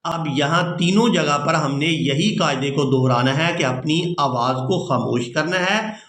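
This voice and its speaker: Slow, bright-voiced male recitation teacher. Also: fairly high pitch. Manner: patient, explains rules repeatedly. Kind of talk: step-by-step recitation lesson. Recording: roomy echo.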